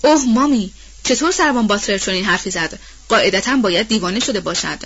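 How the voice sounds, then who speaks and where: A woman voicing a gentle young lady who is shocked and upset, speaking higher and louder than the narration. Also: lively intonation, slightly rough, muffled recording. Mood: dismayed. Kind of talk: audiobook role-play reading.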